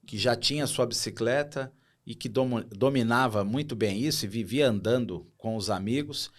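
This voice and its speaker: A middle-aged operations director, appearing as a podcast guest, tells a story with emotion and acts out its characters. His mid-range voice moves at a normal speed, and he's a lively narrator who performs the quoted dialogue.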